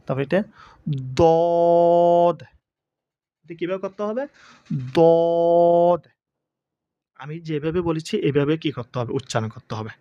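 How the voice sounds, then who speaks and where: Male Quran tutor with a Bangladeshi accent, unhurried, drilling letter sounds, asks and answers his own questions; slightly higher pitch, close dry sound. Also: expressive, a little mellow, no room sound, muffled recording. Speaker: Quran teacher. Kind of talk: slow Arabic letter pronunciation lesson.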